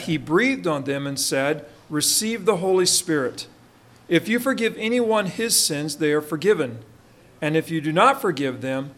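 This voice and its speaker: A man's voice: fairly high pitch, fairly bright tone. A male pastor preaching a sermon at a pulpit microphone in a church, reading scripture and then explaining it with frequent "uh" fillers.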